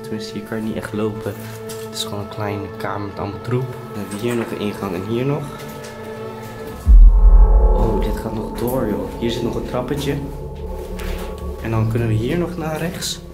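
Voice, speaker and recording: A man's voice: lowish voice, moderate pace, long pauses. A young man chatting casually to a handheld camera as a vlog host, recorded inside an abandoned bunker. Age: young adult. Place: abandoned concrete bunker at night. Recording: loud music over the voice.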